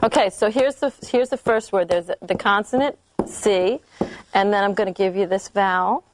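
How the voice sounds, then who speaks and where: Patient woman teacher, mid-pitched voice. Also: moderate pace, background noise. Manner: patient, checks in with frequent questions. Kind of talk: classroom phonics lesson. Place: classroom with a small group of children.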